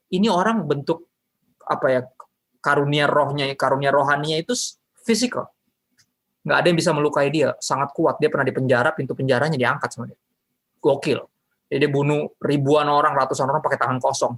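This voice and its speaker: Animated, joking youth pastor. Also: male voice, on the high side. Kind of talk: casual youth sermon.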